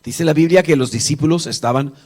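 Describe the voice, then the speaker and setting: A man's voice: fairly high pitch, fairly quick, a little mellow. A male pastor preaching a sermon in church. He talks in a conversational, joking way and tells the story with animation, acting out the dialogue. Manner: conversational, jokes with the congregation. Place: church service before a congregation.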